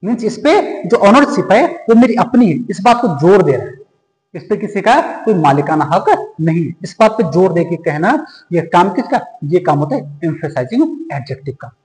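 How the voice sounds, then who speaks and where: A man teaching English grammar in a lesson that mixes Hindi and English. He asks the class questions and answers them himself, saying the English examples slowly before explaining them quickly. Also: high-pitched, lively intonation, a little mellow, reverberant, long reverb tail, poor audio.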